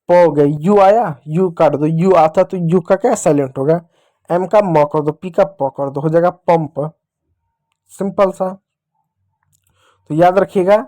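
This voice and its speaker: A man's voice: fairly high pitch, a little mellow. Patient Indian male phonics teacher. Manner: patient, repetitive, addresses children directly. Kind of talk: phonics lesson for children.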